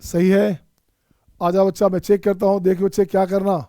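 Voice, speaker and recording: A man with an Indian English accent gives an online exam-prep math lecture, coaxing students with repeated questions and calling them children. His voice is warm and dark, fairly high but flat in melody, and he is brisk. The recording is dry and close.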